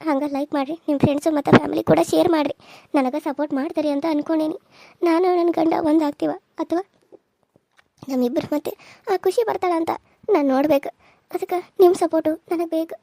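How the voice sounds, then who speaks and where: A woman's voice: sits high, fairly even intonation, fast, gravelly, warm tone, no room sound, studio quality. A woman, earnestly pleading with viewers in a chatty way as a cartoon serial's narrator.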